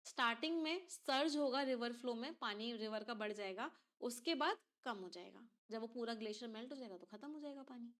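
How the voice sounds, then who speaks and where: A woman's voice: on the high side, brisk, few pauses, fairly bright tone. A woman teacher explains an exam passage step by step and keeps asking her class questions. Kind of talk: exam reading-comprehension lesson.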